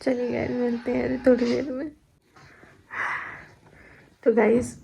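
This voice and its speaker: A woman's voice: a little high, mellow, a little hiss or hum, poor audio. A young pregnant woman chatting at home about her day, tired and laughing now and then as she tells stories. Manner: chatty, laughing, recounting daily life. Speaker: vlogger. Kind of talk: casual chat.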